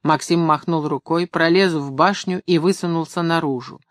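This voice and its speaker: A man reading a novel aloud in an even, measured storytelling voice. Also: fairly high pitch, no echo, studio quality. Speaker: audiobook narrator. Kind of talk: scripted narration.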